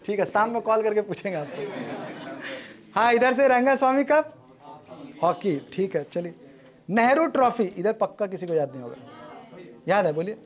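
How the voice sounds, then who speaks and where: A male teacher running a brisk classroom quiz, calling on students and repeating their answers back. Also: high-pitched.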